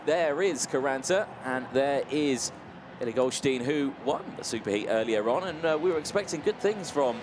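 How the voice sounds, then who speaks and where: A man's voice: mid-range voice, expressive, normal speed, background noise. A man giving live kart race commentary as a motorsport co-commentator, in a running, conversational play-by-play.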